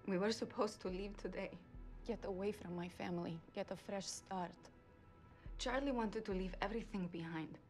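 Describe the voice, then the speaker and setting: An actress playing an earnest young Russian woman, a suspect speaking in a measured way in a TV crime drama. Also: medium pitch, a little mellow, soft background music, lightly acted. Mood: sad, confiding. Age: young adult. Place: interrogation room set, indoors.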